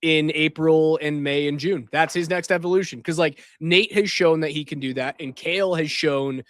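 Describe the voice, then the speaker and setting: A man hosting live post-game hockey commentary, speaking emphatically and deliberately, often repeating phrases for weight. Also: a little high, fairly bright tone, dry recording, clean studio sound. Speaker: sports show host. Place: hockey arena after a game. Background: arena racket.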